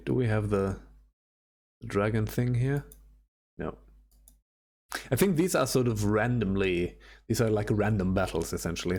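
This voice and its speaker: A man's voice: on the low side, gravelly, darkish tone. A man casually commenting as he plays old computer games on a stream, chatty and swearing now and then, with game music behind him. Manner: chatty, swears while playing.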